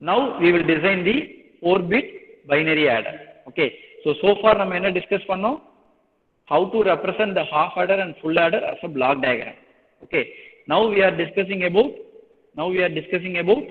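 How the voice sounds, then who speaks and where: Rapid Tamil-accented male lecturer, phone-like sound. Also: high-pitched. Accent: Tamil Nadu, Indian. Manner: repetitive, explanatory, switching between Tamil and English. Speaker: engineering lecturer teaching an online class. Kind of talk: live lecture with frequent check-in questions. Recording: thin phone-like line, long hollow reverb.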